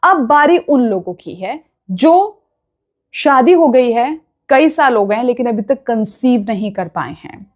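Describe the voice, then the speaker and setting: A woman's voice: fairly high pitch, expressive, unhurried. A woman vastu consultant giving earnest, instructive advice straight to her viewers, often checking that they follow. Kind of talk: direct-to-camera advice talk.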